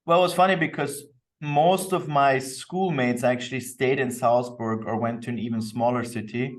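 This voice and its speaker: This is a company co-founder from Austria talking on a podcast, laid-back and reflective as he explains himself. His medium-pitched voice keeps a fairly even intonation at normal speed, picked up by a far-off mic.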